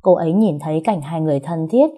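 A young woman tells a story with steady, expressive narration. Her voice sits low and dark, with a husky edge. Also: fast talker.

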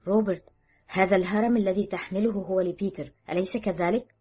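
A woman's voice: mid-range voice, expressive, a little fast, mellow, slightly rough, soft background music, voice pushed up. A woman narrator voicing a shaken, grieving woman who speaks with a trembling, emotional voice.

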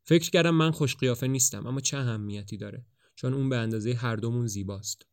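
An anxious young man with an urgent, pleading way of speaking, read by a man telling the story. His voice sits at an ordinary middle pitch and lifts as his words get more heated. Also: no echo, clean studio sound, lightly acted. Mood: passionate. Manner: urgent, pleading, rising to passionate. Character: anxious young man, scared then bold.

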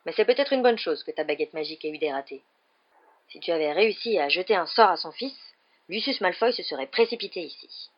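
A woman voicing a jovial male half-giant gamekeeper in a storybook reading, hearty and loud, with a dull lo-fi sound. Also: on the low side, animated, fairly quick. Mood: consoling.

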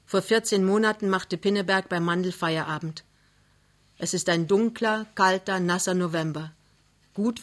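A woman reading a novel aloud in a calm, measured narration. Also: lowish voice. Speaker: reader. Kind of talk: literary reading.

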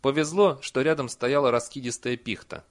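A man narrating an audiobook in an expressive, animated reading. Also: mid-range voice, normal speed. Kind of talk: scripted narration.

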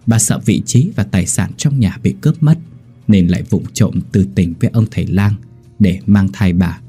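A man tells a scripted horror story in a steady, grim delivery. His voice sits low and dark with a husky grain, and faint music plays underneath. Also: normal speed.

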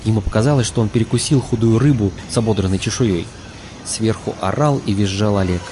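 A man reading a fantasy audiobook aloud in steady scripted narration. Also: fairly low pitch, a little fast, slight background noise.

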